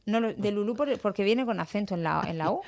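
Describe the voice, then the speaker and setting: Fast-talking playful woman radio host. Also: medium pitch, expressive, a little mellow, no echo. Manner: chatty, playful, quick banter. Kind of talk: casual radio chat.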